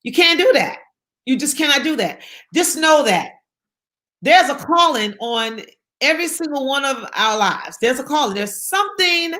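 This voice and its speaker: This high-pitched, slightly bright voice belongs to a woman from South Carolina who is an interview guest. Her talk is motivational, emphatic and encouraging, and she repeats her key phrases for effect.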